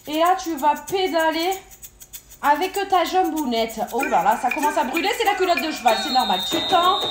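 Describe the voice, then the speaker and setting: A woman leading a workout class, chatty and joking, straining and out of breath as she exercises along. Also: extremely high pitch. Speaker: fitness instructor. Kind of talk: live workout class coaching. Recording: echoey room with loud music.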